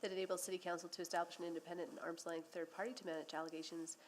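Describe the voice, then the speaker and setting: A woman city councillor with a scratchy, hoarse voice, moving formal motions at a council meeting in a council chamber. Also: fairly low pitch, flat delivery. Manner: reads formal motion wording at a brisk clip.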